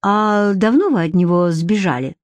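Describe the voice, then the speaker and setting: A woman reading as a bossy female personal assistant who scolds and shouts when angry. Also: medium pitch, moderate pace, no room sound, natural voice. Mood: indignant.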